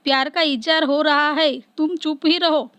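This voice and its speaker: A cheerful elder sister who teases the young couples, as a woman reads her out in a storybook tale. Her voice is high and heard dry and close. She sounds amused and bossy in a friendly way. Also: fairly even intonation, measured pace, a bit bright, no echo. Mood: teasing. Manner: laughing, teasing. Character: cheerful teasing older sister.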